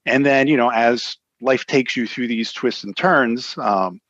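A man's voice: medium pitch, measured pace, a bit bright, no echo, highs cut off. A middle-aged man with an American accent chatting casually as an interview guest, rambling and peppering his talk with filler phrases. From United States. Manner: rambling, frequent "you know". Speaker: interview guest, music industry lawyer. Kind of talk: casual reminiscing conversation.

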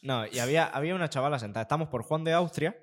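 A young man from Spain, a podcast co-host telling animated stories in casual chat, with crude slang. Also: a little high, very fast. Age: young adult. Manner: animated storytelling with acted quotes.

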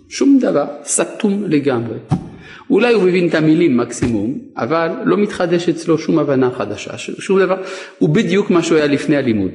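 A rabbi's fairly high, slightly mellow voice carries through an echoey space with lengthy reverb. He is giving a Torah lesson, putting questions to the students and answering them himself.

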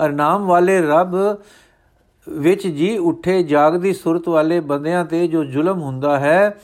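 A man reading the lines of a revered guru father, solemn and declamatory in a steady manner. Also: on the high side, measured pace, natural voice. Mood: commanding.

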